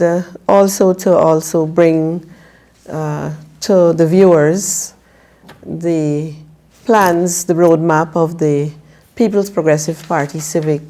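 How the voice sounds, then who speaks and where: Woman, 50s, from Guyana; low, mellow voice; slow, measured interview answers. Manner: measured, careful, with frequent filler pauses. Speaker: political candidate guest. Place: TV studio.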